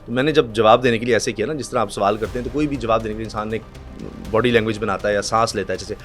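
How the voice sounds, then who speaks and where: A middle-aged man from Pakistan, a news anchor telling stories in a podcast chat, acting out quotes and reciting verse slowly. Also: fairly low pitch, fairly even intonation, soft background music.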